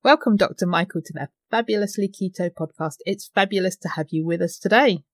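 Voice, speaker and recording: A woman's voice: on the low side, a little fast, soft background music. A woman hosting a podcast, introducing and questioning a guest. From Essex, England. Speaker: podcast host. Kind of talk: scripted introduction and interview hosting.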